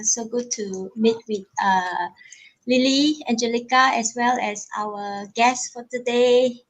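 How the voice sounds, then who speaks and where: Woman, slightly high voice, slow pace, gentle and measured, video call guest. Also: rough recording. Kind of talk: casual self-introduction.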